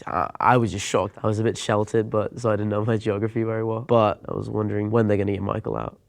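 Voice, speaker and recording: A man from Leicester chatting casually in a group, with a quick, flat delivery. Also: lowish voice, vocal fry.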